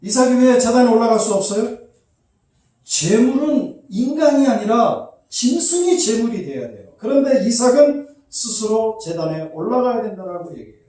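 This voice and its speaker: A man's voice: high voice, mellow. A man preaching a sermon as pastor, often asking the congregation questions and acting out the people in the story. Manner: acts out quoted voices, asks the congregation questions. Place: church hall. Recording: very echoey hall, voice from far off.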